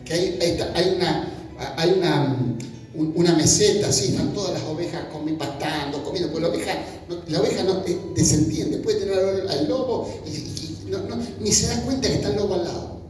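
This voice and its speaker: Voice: medium pitch, a little fast, a little mellow. A preacher giving an in-person sermon in a colloquial, conversational way, often restarting phrases and acting out quoted lines. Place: church gathering in person. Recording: very echoey room, speaker far from mic.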